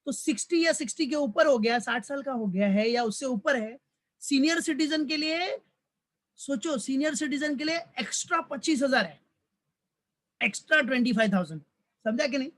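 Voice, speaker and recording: An animated college commerce lecturer with an extremely high, fairly bright voice speaks at normal speed in a recorded tax lecture combining Hindi and English. Like a father, he calls students "beta," says each point more than once, and keeps asking questions he answers himself.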